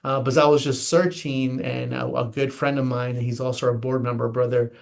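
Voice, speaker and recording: With vocal fry and a level tone, this American man talks fairly quickly in a mid-range voice. He's a guest elections official explaining voting steps in an interview, earnest and emphatic, often repeating himself and starting phrases over.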